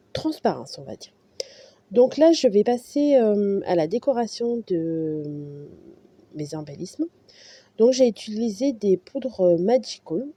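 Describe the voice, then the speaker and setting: A woman's voice: mid-range voice, warm tone, breathy edge. A woman narrating a casual craft tutorial, hesitant, with many fillers and restarts as she explains her steps. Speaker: art journal crafter.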